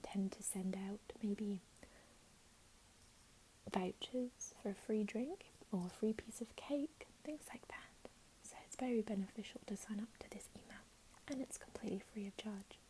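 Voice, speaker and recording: A woman playing a helpful, chatty librarian in a whispered role-play, speaking in a gentle, unhurried library whisper. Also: mid-range voice, steady tone, a little hiss or hum, lightly acted, low-quality recording. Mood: helpful, soothing. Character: helpful, chatty female librarian signing up a patron.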